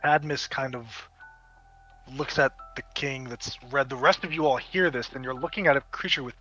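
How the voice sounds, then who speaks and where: Bright-voiced man running a tabletop game. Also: mid-range voice, moderate pace. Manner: plays the king in a grand, courtly way. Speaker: dungeon master. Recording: dull lo-fi audio with faint music.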